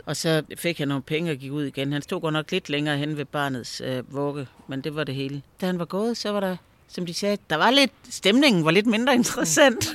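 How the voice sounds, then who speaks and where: This is a man with a slightly raised pitch, a guest author spinning eerie stories in conversation. He tells them in a lively way, stumbling over repeated words whenever he restarts a thought. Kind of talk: storytelling in a conversation.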